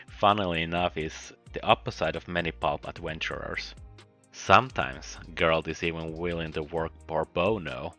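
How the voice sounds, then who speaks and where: A Finnish-speaking man with a very low voice reads a scripted book review in a bright, forceful tone. He keeps it wry and jokey, chuckling often, over faint background music.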